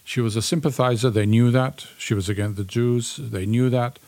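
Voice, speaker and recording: A man's voice: medium pitch, fairly even intonation, normal speed, a little mellow. Man co-hosting, speaking in short plain sentences. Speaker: podcast co-host. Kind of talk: casual podcast discussion.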